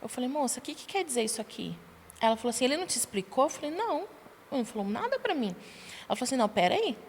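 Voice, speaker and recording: A young adult woman, a podcast guest, tells her personal testimony in a lively way and acts out the dialogue she quotes. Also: high-pitched, racing. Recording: long reverb, faint background noise.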